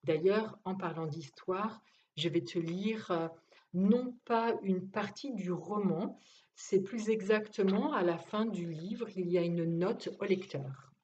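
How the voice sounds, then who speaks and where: A woman reviewing a novel and reading passages from it aloud, speaking haltingly with many pauses and fillers. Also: mid-range voice, a little mellow, muffled recording, slight background noise. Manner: hesitant, halting, with frequent fillers. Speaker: book reviewer.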